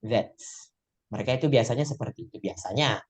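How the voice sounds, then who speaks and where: A man's voice: mid-range voice, fairly quick. A man with an Indonesian accent teaching English in a casual online lesson, chatty and joking as he mixes two languages.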